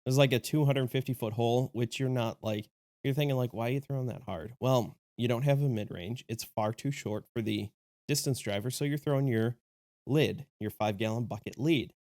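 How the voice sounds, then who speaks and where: A man's voice: mid-range voice, moderate pace, a little mellow, no room sound, clean studio sound. A sick man whose voice sounds a little off, hosting a casual review vlog in a chatty, enthusiastic and joking way. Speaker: disc golf video host.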